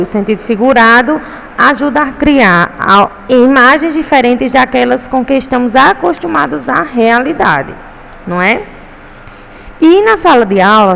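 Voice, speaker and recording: A Brazilian primary teacher talks her pupils through a lesson, patient and checking in often. Her voice is a touch high with a gravelly edge. It rings in an echoey room, with faint traffic noise behind it. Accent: Brazilian Portuguese.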